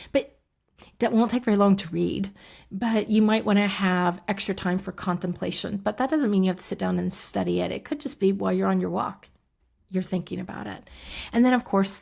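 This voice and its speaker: A woman in her fifties, a somatic coach, walking through her program in a relaxed, casual way with frequent fillers and soft asides. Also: medium pitch, creaky. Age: 50s.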